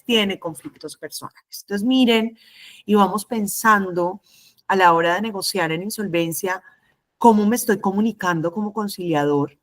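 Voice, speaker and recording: A middle-aged woman, teaching a lecture to trainee conciliators in a measured, explanatory way, listing points one by one. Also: lowish voice.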